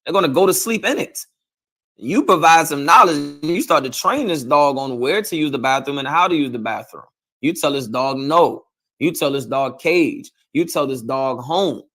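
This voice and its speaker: A man preaching in a plain, colloquial way, circling back on his points. He keeps checking in with "you understand?" and sometimes pushes up into loud, emphatic bursts. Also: on the high side, lively intonation, normal speed. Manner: repetitive, asks "you understand?" often; colloquial, preachy, rising to shouts. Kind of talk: street sermon.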